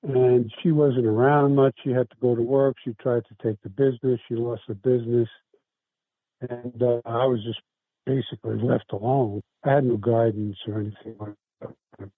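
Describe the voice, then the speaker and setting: Telling his life story as a casual interview guest, a man from South Brooklyn, New York, rambles and halts, restarting often and using many fillers. His medium-pitched voice stays steady, heard through a tinny, phone-like dry recording with no room sound.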